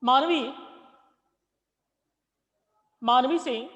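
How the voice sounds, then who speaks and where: A male teacher, leading an online class, slowly repeating questions and calling on students by name. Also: extremely high pitch, fairly bright tone, long reverb tail, muffled recording. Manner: slow, repeats questions and calls on students patiently.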